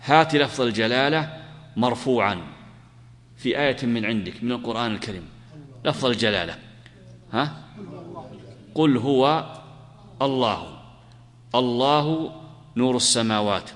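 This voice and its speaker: A man's voice: medium pitch, fairly bright tone. A man explaining grammar to a class, asking questions and answering them himself and repeating the key phrases. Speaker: teacher of Arabic grammar. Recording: long hall reverb.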